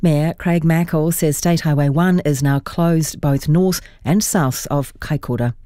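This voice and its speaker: A woman's voice: low-pitched, unhurried, dark tone, no room sound, studio quality. A woman with a New Zealand accent reading a scripted radio news bulletin. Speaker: newsreader.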